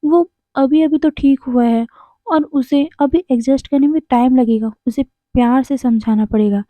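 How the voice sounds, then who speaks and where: A woman voicing a gentle, caring middle-aged mother who speaks softly and pleads. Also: sits high, measured pace, no echo, phone-quality sound. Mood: pleading. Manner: soft, soothing and pleading.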